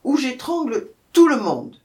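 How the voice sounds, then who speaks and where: A woman's voice: fairly high pitch, lively intonation, takes it slowly. A woman voicing a furious, menacing lioness who barks orders and threats in a storybook reading. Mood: threatening. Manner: commanding, threatening, loud.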